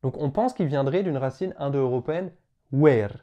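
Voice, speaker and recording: A man's voice: medium pitch, normal speed, dark tone, lo-fi sound. A man teaching word origins as a video host, playful and sounding out example words. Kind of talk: explaining language history to camera.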